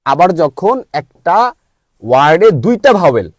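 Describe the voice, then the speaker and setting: A man teaching English pronunciation, spelling out letters slowly before saying each word. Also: a little high, big pitch swings, dry recording, clean studio sound. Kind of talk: slow spelled-out phonics lesson.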